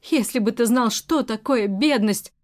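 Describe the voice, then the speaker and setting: A woman's voice: fairly high pitch, measured pace, lightly acted. A woman reading the part of a young provincial woman who answers earnestly and defensively.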